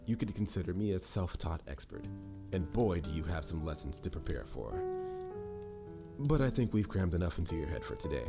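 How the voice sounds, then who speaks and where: In a fantasy audio roleplay with music in the background, this male voice actor gives a full character voice as a patient, boastful, encouraging mage mentor. He sounds gravelly and sing-song, sitting low and moving a little fast. The tone is confident and storytelling, instructive and theatrically formal.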